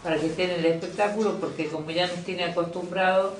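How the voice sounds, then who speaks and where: A woman's voice: on the low side, fairly even intonation, fast talker. A middle-aged woman with an Argentine accent, talking as a youth coordinator in a casual interview, chatty with many fillers and restarts. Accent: Argentine Spanish. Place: small office indoors. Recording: echoey room, distant mic, faint noise.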